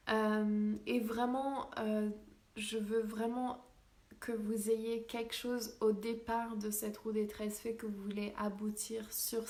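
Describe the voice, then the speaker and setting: A woman with a Québécois accent, a spiritual healer hosting a live stream in soft, gently enthusiastic casual chat. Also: mid-range voice. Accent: Québécois French. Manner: soft, unhurried, gently enthusiastic with frequent laughs.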